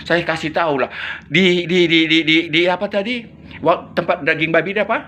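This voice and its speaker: Brisk and forceful, a missionary pastor speaks on the high side with a bright tone and a slight hiss or hum. His storytelling is casual and chatty, full of laughter and acted-out quotes of what people said.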